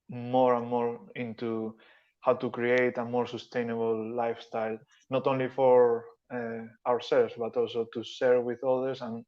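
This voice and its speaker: A man from Spain presenting to an online conference over a video call, in a mid-range voice. He speaks in a with halting, phrasing. The audio is dull and lo-fi. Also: mid-range voice, darkish tone. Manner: halting, non-native phrasing. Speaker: guest speaker, biologist.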